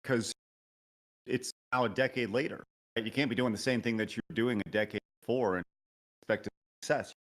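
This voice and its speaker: A show host interviews a guest casually over a remote call mic, and the choppy audio keeps breaking up and cutting in and out. He rambles and hesitates, with lots of filler and restarts. His mid-range voice is fairly bright and fairly quick, with fairly even intonation.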